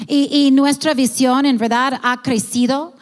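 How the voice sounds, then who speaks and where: A woman leading a children's ministry speaks with heartfelt passion, often stopping to search for the right word and restarting her sentences. Her voice sits high, and it rings out with a long reverb, as if recorded in a big hall. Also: steady tone, unhurried. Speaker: ministry leader of a children's home. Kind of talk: earnest testimony about a church ministry.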